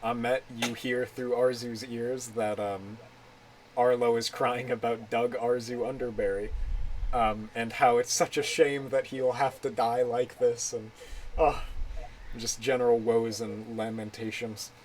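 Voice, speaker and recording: A man narrating as game master in a tabletop role-playing session, relaxed and hesitant with frequent fillers. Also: medium pitch, unhurried, a little hiss or hum, low-quality recording.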